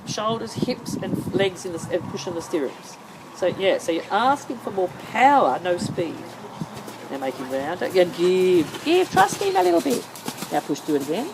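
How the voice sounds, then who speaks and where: Caught on a camera microphone amid outdoor ambient noise, a woman who teaches horse riding calls out short, insistent, repeated coaching commands in an outdoor arena. Her voice is lowish and very animated, at a moderate pace.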